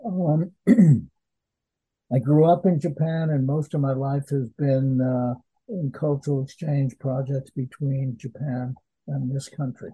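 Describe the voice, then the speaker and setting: A man's voice: mid-range voice, steady tone, a little slow, warm tone, husky, rough recording. A man in his eighties introducing himself on a group call, hesitant with fillers. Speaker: guest. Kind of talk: casual self-introduction.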